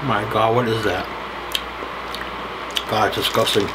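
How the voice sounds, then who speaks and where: A man's voice: fairly low pitch, fairly even intonation, measured pace, heavy background noise. A man reviewing snacks in a casual, blunt, sarcastic way while chewing. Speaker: snack tasting vlogger.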